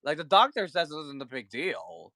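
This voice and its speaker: A man with a bright, forceful voice and a slightly high pitch runs a live toy sale, chatting with viewers. He is sick with the flu and his voice sounds it. The sound is dry and close. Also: big pitch swings, moderate pace, no echo. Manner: chatty, greets viewers, counts down sales. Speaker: livestream toy seller. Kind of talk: casual live-selling chat.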